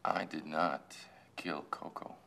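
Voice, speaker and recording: A defensive man in his thirties under police questioning in a TV drama. The voice is deep and low, the manner indignant. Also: animated, a little fast, fairly bright tone. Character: indignant male murder suspect, a smooth swindler. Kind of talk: TV crime drama acting.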